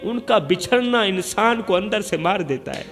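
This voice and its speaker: A remorseful brother trembles and pleads in grief, as a male storyteller voices him. The voice sits high and echoes through a long hall. Soft music plays beneath. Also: expressive, creaky, exaggerated voice.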